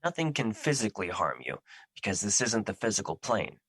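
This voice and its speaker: Man playing solemn, formal Fear, low and forceful. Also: very animated, brisk, breathy edge, no room sound, exaggerated voice. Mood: calm, reassuring. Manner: formal, stilted, earnest phrasing without contractions. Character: Fear personified, solemn male immortal entity, remorseful and protective. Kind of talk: audio drama acting.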